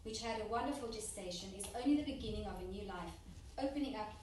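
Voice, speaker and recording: A woman's voice: medium pitch, a little fast. Woman interpreting a speech in an echoey hall. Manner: steady, plain rendering with small restarts. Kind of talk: consecutive interpretation into English. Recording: echoey hall, distant mic, faint noise.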